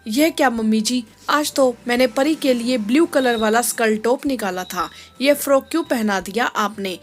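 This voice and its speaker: A woman voicing a young working mother, a quick-tempered daughter-in-law who scolds in a sharp, clipped way in a storybook tale. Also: on the high side, close to an everyday voice. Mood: sharp, annoyed.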